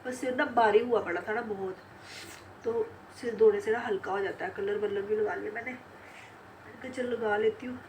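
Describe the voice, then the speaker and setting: A woman's voice: medium pitch, steady tone, moderate pace, a little mellow. Middle-aged woman vlogger, blocked-nose cold voice, chatty and laughing, faint hiss behind. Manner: chatty, laughing often, retelling family talk. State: congested and sore-throated from a cold. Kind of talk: casual chat to camera.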